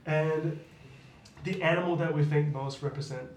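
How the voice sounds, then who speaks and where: An excited, chatty man runs a tabletop game show as its game master, his voice sitting a little high. He is picked up from a distance in an echoey room with clear background noise. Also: moderate pace. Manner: excited, chatty, laughs often. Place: studio room around a table. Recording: roomy, distant mic with noise.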